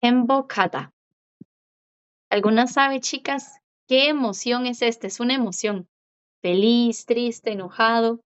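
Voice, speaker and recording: Lady teaching korean, patient, slowish, kinda muffled audio. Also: fairly high pitch, clean tone. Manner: patient, repeats words slowly, checks with "¿verdad?". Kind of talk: online class explanation. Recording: dull lo-fi audio.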